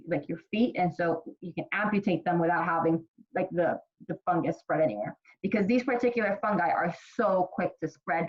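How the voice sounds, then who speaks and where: A woman from Ethiopia giving a casual college microbiology lecture, chatty, with many fillers and restarts. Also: fairly low pitch. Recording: slightly dull lo-fi lecture recording.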